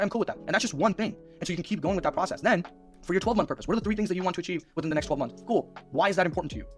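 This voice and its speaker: A young man coaching viewers through a worksheet, energetic and repeating questions to press his points. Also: fairly high pitch. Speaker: life coach.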